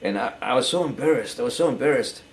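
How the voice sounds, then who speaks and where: An older man giving a halting, earnest personal testimony, often repeating words as he goes. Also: mid-range voice, animated, a little hiss or hum, rough recording. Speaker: interviewee.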